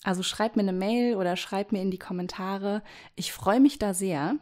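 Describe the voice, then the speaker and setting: A woman with a scratchy, hoarse voice from a cold, hosting a solo advice podcast and chatting directly to the listener as a voice coach. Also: mid-range voice, fairly even intonation, normal speed, a little mellow.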